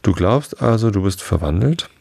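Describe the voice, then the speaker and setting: A man reading the part of a stern, contemptuous caterpillar in a terse, slow way, as a calm bedtime storybook reading. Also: fairly low pitch, vocal fry, breathy edge, no room sound, studio quality, exaggerated voice. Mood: curt. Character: stern, curt, hookah-smoking caterpillar.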